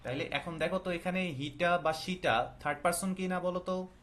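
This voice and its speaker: A male English teacher, explaining slowly and asking the class questions. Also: sits high, very noisy. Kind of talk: classroom lesson.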